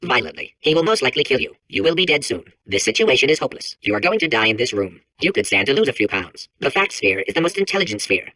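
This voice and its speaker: A man's voice: medium pitch, big pitch swings, quick pace, few pauses, sharp tone, no echo, poor audio. A man voicing a smug, malfunctioning robot sphere in a video game, rattling off dubious facts in a pompous, clipped, matter-of-fact way. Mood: gloomy, blunt, then smug, boastful.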